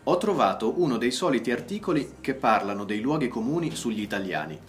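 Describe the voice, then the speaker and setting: Man with a lively voice in a lesson dialogue. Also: medium pitch, fairly quick, faint music behind. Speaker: dialogue partner in a language lesson. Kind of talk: scripted learner dialogue.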